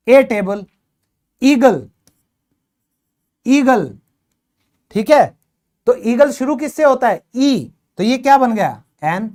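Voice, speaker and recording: A woman teaching English in a video lesson, quizzing her learners and urging quick answers, repeating each word slowly for drill. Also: on the high side. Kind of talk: classroom-style video lesson.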